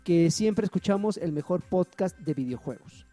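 A man with a Mexican accent hosts a loose, joking podcast and reads out listener greetings. His voice sits fairly high and has a mellow, dark tone. Faint music plays underneath. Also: lively intonation, normal speed. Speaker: podcast host reading listener messages. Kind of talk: casual podcast chat.

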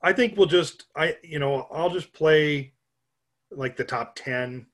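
A middle-aged man from Minnesota, talking in a fairly high voice. He rambles in easygoing podcast chat and pokes fun at himself. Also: takes it slowly. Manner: rambling, joking, self-mocking. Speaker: podcast co-host. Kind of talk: casual chat.

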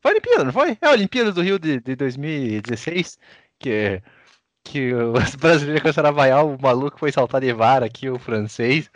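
A man with a Brazilian accent, co-hosting a casual podcast chat, animated and full of slang and jokes. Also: mid-range voice, a little fast.

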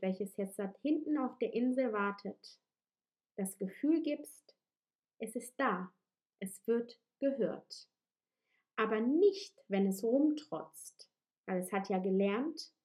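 A woman's voice: mid-range voice, warm tone. A woman coach speaking directly to the listener in a soothing guided inner-child meditation, now and then dropping to a whisper for emphasis.

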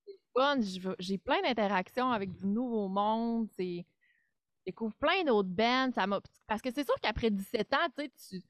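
A woman's voice: on the high side, expressive, moderate pace, no echo. Chatty Québécoise woman, dry sound. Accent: Québécois French. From Quebec. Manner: chatty, many fillers, laughs easily. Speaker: podcast guest. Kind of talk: casual interview chat. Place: home studio.

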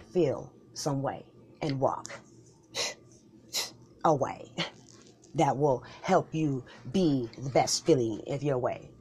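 A woman with a deep, low-pitched voice tears through a comic argument. She bickers back and forth, swearing freely and firing off quick retorts. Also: warm tone, a little hiss or hum.

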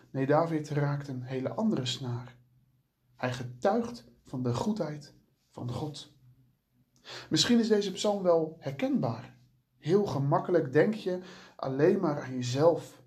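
A man, a youth work adviser, reading scripture and giving a devotional reflection in a measured, earnest way. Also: fairly high pitch, a little mellow.

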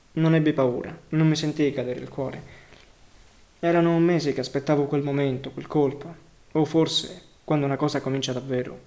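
Male audiobook narrator, higher-pitched, even literary reading. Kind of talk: novel reading.

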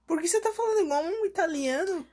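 A woman's voice: extremely high pitch, animated, quick pace, darkish tone. A woman co-hosting a podcast in casual, playful chat, teasing and laughing often. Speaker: podcast co-host.

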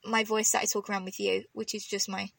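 A woman's voice: mid-range voice, flat delivery, fast talker, creaky, fairly bright tone, no room sound. A young woman with a London accent who says th as f and clips her words together in casual podcast chat. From London, England. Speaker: podcast co-host.

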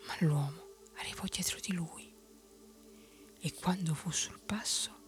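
A woman telling a bedtime story in a soft unvoiced whisper. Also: on the low side, unhurried, faint music behind.

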